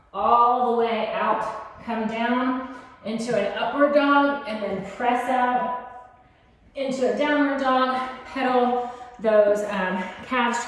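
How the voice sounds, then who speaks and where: A woman fitness coach walks through exercises step by step, casual and encouraging, in an echoey basement gym. Her voice is fairly high, and there's a slight hiss or hum on the recording.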